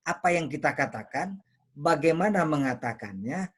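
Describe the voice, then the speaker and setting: A man with a husky, somewhat high voice coaches an audience on public speaking. He explains each point patiently and keeps coming back to the same key phrases. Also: lively intonation, moderate pace. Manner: didactic, repeats key phrases, acts out examples. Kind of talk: motivational talk.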